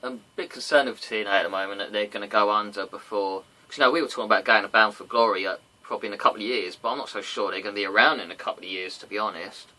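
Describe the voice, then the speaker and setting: A man's voice: fairly low pitch, rapid-fire, few pauses, bright, forceful tone. A man hosting a casual wrestling review podcast, chatty and rambling, on a noisy home recording. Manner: chatty, rambling, breaks into silly sung impressions. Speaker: podcast host.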